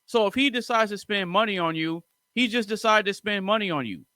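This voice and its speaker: A man's voice: high-pitched, expressive, a little fast, pushed and bright, no echo, clean studio sound. A man hosting a casual music reaction, giving opinionated commentary and lecturing straight to his viewers.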